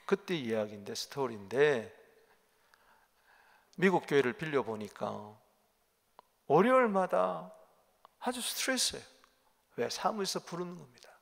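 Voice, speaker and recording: A pastor preaching a sermon, firing rhetorical questions at the congregation and swinging from loud to quiet. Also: male voice, a little high, big pitch swings, unhurried, creaky, long pauses. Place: church sanctuary. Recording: long church reverb.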